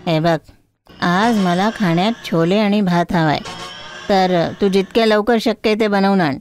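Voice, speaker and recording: A woman's voice: medium pitch, a little slow, a little mellow, soft background music, lightly acted. A woman voicing a harsh, scheming older mother-in-law in a cartoon story, scolding and taunting as she gives orders.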